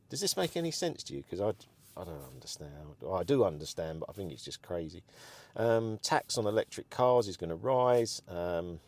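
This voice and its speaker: A man's voice: on the low side, a little mellow. A man vlogging his frank opinions in a chatty, rambling way, with many ums. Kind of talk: casual opinion chat to camera.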